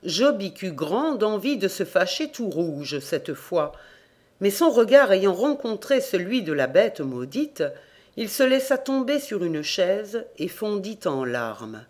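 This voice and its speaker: Steady audiobook narrator of a folk tale. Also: mid-range voice, takes it slowly. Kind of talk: scripted narration.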